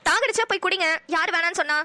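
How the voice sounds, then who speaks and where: A woman doing an old cartoon wife and mother-in-law with a very high, bright, sharp voice. She rattles off her lines quickly and scolds her husband while staying soft on the family. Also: a little hiss or hum, full character voice. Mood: scolding. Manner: scolding, emotional. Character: elderly wife and mother-in-law, warm but nagging. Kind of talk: cartoon dialogue.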